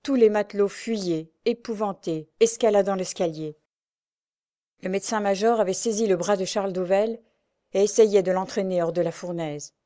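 A woman narrating an adventure novel aloud in a steady, dramatic storytelling voice. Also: mid-range voice, moderate pace. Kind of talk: audiobook reading of an adventure novel.

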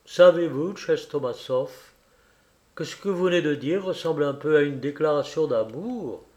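A man's voice: a little high, moderate pace, a little mellow, natural voice. A man reading aloud as an eager, proud teenage boy who speaks in fervent, rising outbursts.

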